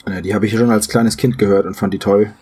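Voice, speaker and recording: A man's voice: fairly low pitch, fairly even intonation, quick pace, darkish tone, breathy edge. A man from Franconia, Germany, chatting casually as a podcast co-host with teasing banter. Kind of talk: casual chat.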